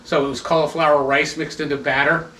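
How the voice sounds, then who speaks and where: Man chef, higher-pitched voice, calm instructive demo, a bit away from the mic in a roomy kitchen. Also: brisk, a little hiss or hum. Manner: instructive, relaxed, with restarts. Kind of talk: cooking demonstration. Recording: echoey kitchen, mic at a distance. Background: sizzling pan sounds.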